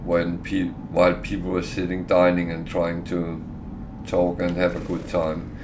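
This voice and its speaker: A man's voice: sits low, monotone, unhurried. A middle-aged man chatting casually while gaming on a livestream, hesitant with many fillers and restarts. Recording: clear background noise.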